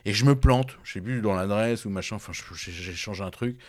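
A young man in casual chat with a friend, telling a story in an animated, slangy way and laughing often. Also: lowish voice, fairly quick.

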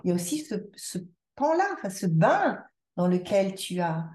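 Thinking aloud in a conversational interview, the podcast guest keeps restarting and repeating herself as she reflects. Her mid-range voice is sing-song and a little mellow at a moderate pace, and the sound is reverberant.

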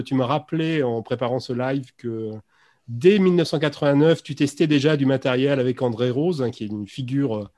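A man's voice: mid-range voice, a little mellow. A man hosting a live interview, introducing and questioning guests in a hesitant way, often repeating words as he goes. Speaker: live show host and interviewer.

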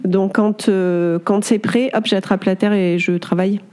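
A woman's voice: mid-range voice, fairly even intonation, unhurried, a little mellow. A woman in her forties from Auvergne, a sculptor being interviewed, talking earnestly and reflectively, with many hesitations. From France, Auvergne. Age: 40s. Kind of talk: conversational interview.

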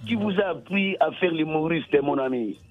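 A man's voice: on the high side, animated, normal speed, faint music behind. A man calling into a radio show, stammering and effusive with praise. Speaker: caller. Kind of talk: phone-in question. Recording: tinny phone line.

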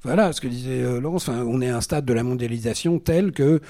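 A man's voice: mid-range voice, fast talker, mellow. A man, a singer-songwriter, talking bluntly and with animation in a casual panel discussion, swearing freely.

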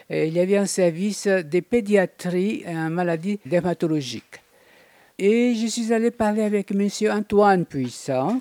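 A woman from Brazil, a doctor and activist telling her story slowly, searching for words with pauses and restarts. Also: lowish voice, mellow, no echo. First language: Portuguese. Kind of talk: personal testimony.

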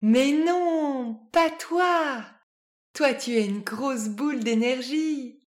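A woman voicing a cheerful, gentle little boy in a children's storybook, with a bright, eager delivery. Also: high voice, drawn-out words, pitched above the performer's own voice. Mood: playful.

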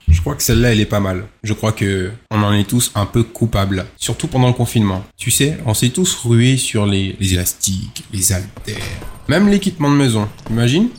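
A man, a fitness coach hosting his podcast, talks casually and directly to the listener, asking rhetorical questions and acting out little scenes. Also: mid-range voice. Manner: playful, acts out little scenes and inner voices. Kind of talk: casual motivational podcast monologue.

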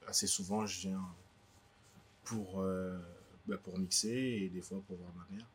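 A man's voice: low voice, fairly even intonation, unhurried, slight background noise. A young adult man from Guadeloupe, a DJ being interviewed, talking casually and hesitantly with many fillers and restarts. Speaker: DJ guest. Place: indoor cultural space in a bookstore.

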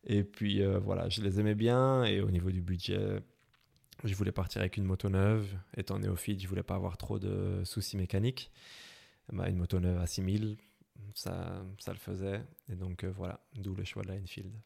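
A man's voice: deep voice, flat delivery, moderate pace, gravelly, darkish tone, slightly rough. A young man from Belgium with a Brussels accent, speaking casually in an interview, hesitant with many fillers and restarts. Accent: Brussels French. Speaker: interviewee, motorcycle traveler.

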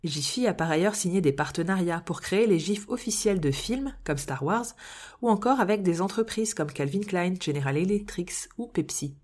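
A woman's voice: fairly low pitch, expressive, normal speed, darkish tone. A woman hosting a podcast, reading a scripted explainer with wry, playful asides. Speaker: podcast host.

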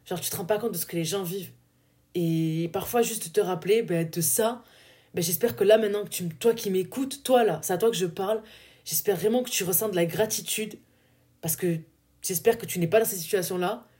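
A woman's voice: mid-range voice, brisk, mellow. Chatty southern French woman podcaster. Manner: chatty, filler-heavy, laughs at herself. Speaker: podcast host. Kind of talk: casual solo podcast talk.

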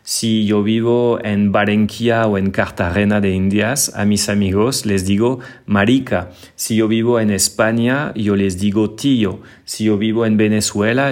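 A man's voice: fairly low pitch, a little mellow. French-accented man teaching in a podcast. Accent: northern French. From northern France. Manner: explanatory, repeats words while searching for them. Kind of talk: solo podcast answering listener questions.

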